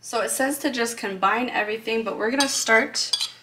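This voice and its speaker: A woman's voice: on the high side, moderate pace, very noisy. A woman explaining a recipe step by step in a casual, chatty cooking video, recorded in a home kitchen, laughing now and then. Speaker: cooking vlogger.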